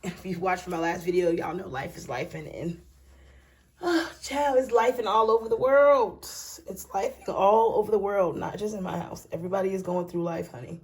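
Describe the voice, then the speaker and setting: A woman's voice: medium pitch, moderate pace, slightly rough. A woman casually walking viewers through her planner late at night, sleepy and yawning, chatty and folksy, calling them y'all and child. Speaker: planner vlogger. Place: at home.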